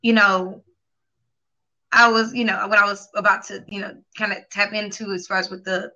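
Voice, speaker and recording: A woman's voice: medium pitch, little pitch movement, moderate pace, bright, forceful tone. A woman co-hosting a talk show, rambling earnestly with lots of filler phrases and close to tears. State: near tears. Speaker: co-host and sex coach. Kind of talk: casual talk show chat. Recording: dull lo-fi sound.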